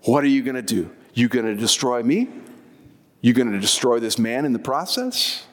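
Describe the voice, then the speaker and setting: A man's voice: mid-range voice, animated, normal speed, long reverb tail, pitched below the performer's own voice, close to an everyday voice. A man voicing a sneering, threatening male demon that taunts its foe. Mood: taunting.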